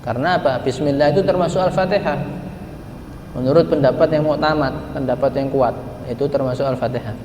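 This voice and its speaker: A man giving a religious study lesson, asking himself rhetorical questions and drawing out Quranic words slowly as examples. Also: mid-range voice, darkish tone, lo-fi sound, slight background noise. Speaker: religious teacher. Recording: echoey hall with faint ambience.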